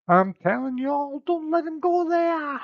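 A man voicing a shrill, doom-crying prophetess woman who pleads to be believed. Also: animated, a little slow, heavily acted. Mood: wailing. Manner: wailing, pleading. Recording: slightly muffled dry recording.

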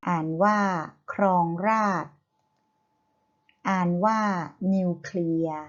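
Very slow, deliberate woman teacher. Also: lowish voice, dull audio. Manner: deliberate, syllable by syllable, repeating each word cue. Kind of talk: slow vocabulary reading drill.

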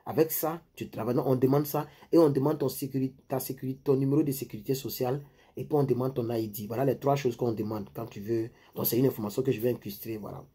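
Husky man giving life advice. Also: medium pitch, fairly even intonation, quick pace, mellow. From Ivory Coast. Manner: rambling, repeats himself, addresses viewers directly. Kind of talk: casual advice monologue.

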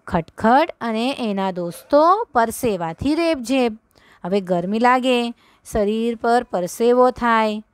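In a clean, fairly high voice free of echo, a woman who teaches primary school leads young children through a slow read-along story. She repeats each line, then explains the tale and asks them questions.

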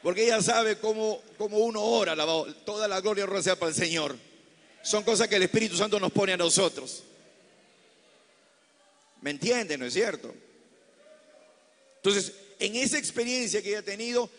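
A man preaching a sermon as a pastor, moving from quiet storytelling to loud, fervent exclamations. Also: high-pitched, animated, a little fast, long reverb tail. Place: large church hall.

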